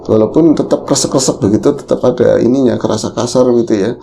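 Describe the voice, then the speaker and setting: A man co-hosting a casual horror podcast, telling a story in an animated way and acting out the characters' voices. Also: medium pitch, fast, vocal fry. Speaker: podcast co-host.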